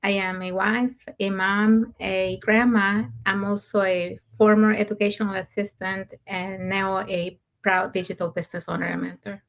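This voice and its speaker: Measured middle-aged woman from Mexico. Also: medium pitch, flat delivery, vocal fry. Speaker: panelist.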